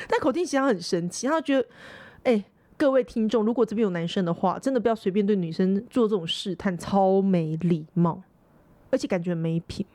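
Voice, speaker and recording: A woman's voice: medium pitch, a little fast, dry recording. A young woman podcast co-host with a Taiwanese Mandarin accent, telling a story in casual chat and acting out the quotes. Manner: animated storyteller who acts out quotes.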